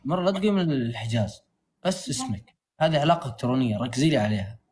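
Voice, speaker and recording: A man from Tabuk, Saudi Arabia, speaking with a Saudi accent, bantering rapid-fire in a medium-pitched voice on a livestream. He's joking and animated throughout.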